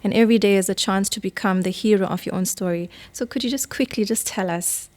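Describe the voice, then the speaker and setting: A woman co-hosting a podcast, soft-spoken and a little hesitant as she asks questions. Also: medium pitch, fast talker. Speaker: podcast co-host. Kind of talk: interview conversation.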